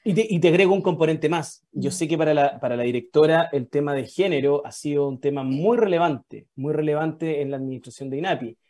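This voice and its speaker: Mellow-voiced male interviewer. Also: a little high, a little fast, few pauses. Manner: long, layered questions. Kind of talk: interview questions.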